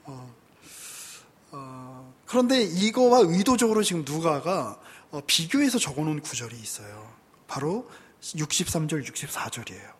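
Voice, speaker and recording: Casting note: male pastor, young, high and husky, chatty sermon, acts out scenes, sometimes whispers. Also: big pitch swings, measured pace. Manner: conversational, acts out dialogue, laughs often, drops to whispers.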